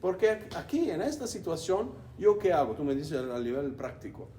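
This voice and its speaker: A man giving an emphatic teaching talk to a group, animated and repeating key words. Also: a little high, moderate pace. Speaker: speaker teaching on faith. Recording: roomy hall, distant mic, faint hum.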